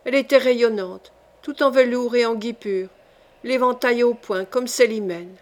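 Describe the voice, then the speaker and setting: A woman reading a classic novel aloud as an audiobook narrator, in a measured, clear storytelling manner. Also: fairly high pitch, darkish tone. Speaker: audiobook reader.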